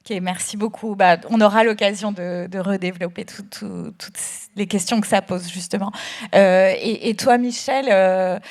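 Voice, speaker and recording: A woman's voice: mid-range voice, steady tone, normal speed, darkish tone. A woman moderating a panel discussion, friendly and informal, with some hesitation.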